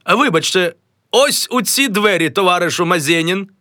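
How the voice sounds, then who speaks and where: A man's voice: high-pitched, lively intonation, normal speed, bright, forceful tone, dry recording, clean studio sound, pitched above the performer's own voice. A man doing a pompous clerk, Mazailo. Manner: self-important, tries several greeting voices. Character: pompous middle-aged man rehearsing a grand new name.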